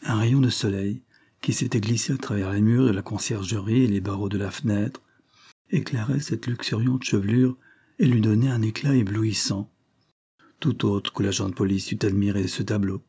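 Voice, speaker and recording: Mellow, husky male audiobook narrator. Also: fairly low pitch, fairly even intonation. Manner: measured, literary reading. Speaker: audiobook reader.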